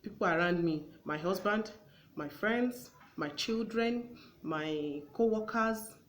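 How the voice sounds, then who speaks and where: An earnest woman hosts a relaxed conversation, speaking at a middle pitch. She talks like an advisor and slips into acting out little scenes. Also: slow pace, a little hiss or hum. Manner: earnest, advising, acts out everyday exchanges. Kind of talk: conversational talk show discussion.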